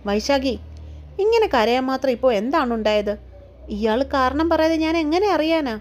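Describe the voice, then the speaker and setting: A woman voicing a stern, gruff young man who scolds bluntly and gets irritated quickly. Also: sits high, expressive. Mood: exasperated.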